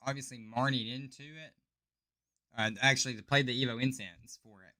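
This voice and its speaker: A man's voice: medium pitch, fairly even intonation, a little fast, bright, forceful tone, no room sound. A man giving play-by-play commentary on a card game match, explaining each play as it happens.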